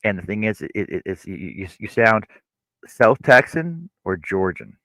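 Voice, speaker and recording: A man's voice: lowish voice, sing-song, unhurried, sharp tone, no room sound, poor audio. A man chatting on a live stream, stumbling and restarting his sentences. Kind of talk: casual chat.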